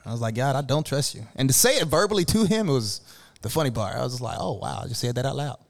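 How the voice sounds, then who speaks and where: A man's voice: mid-range voice, expressive, quick pace, creaky. Upbeat young man co-hosting a podcast. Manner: upbeat, easygoing, laughs often. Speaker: podcast co-host. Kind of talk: casual chat.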